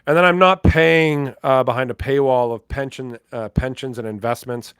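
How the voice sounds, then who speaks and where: A man's voice: mid-range voice, fairly even intonation, normal speed, a bit bright, clear, resonant tone, dry recording, clean studio sound. A man hosting a casual crypto news rundown, talking loosely with lots of fillers and asides. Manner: chatty, filler-heavy, laughs while reading. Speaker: crypto news channel host.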